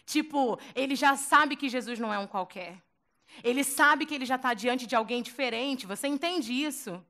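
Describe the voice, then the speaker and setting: A woman preacher with a Brazilian accent tells a lively, story-driven sermon and acts out the scenes as she goes. Her voice is high and bright. She talks in a playful, slangy way. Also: normal speed.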